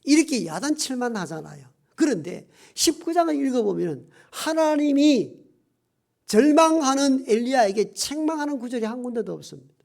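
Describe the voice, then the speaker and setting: Pastor preaching with hushed, emphatic swings. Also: high voice, big pitch swings, moderate pace, creaky. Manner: swings between emphatic raised lines and hushed near-whispers. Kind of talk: sermon.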